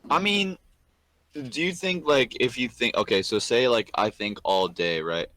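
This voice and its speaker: A man's voice: medium pitch, big pitch swings, unhurried, sharp tone, no room sound. A young man in his late teens co-hosting a podcast, laid-back and sarcastic, laughing easily. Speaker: podcast co-host. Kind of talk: casual chat.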